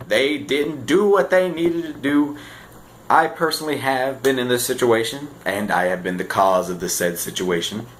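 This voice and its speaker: Teen male vlogger, low-ish voice, self-deprecating comic delivery, faint background ambience. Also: slight background noise, poor audio. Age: teens. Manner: animated, self-mocking, jumps between loud and quiet. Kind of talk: casual comedic vlog. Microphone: camera on a shaky stand.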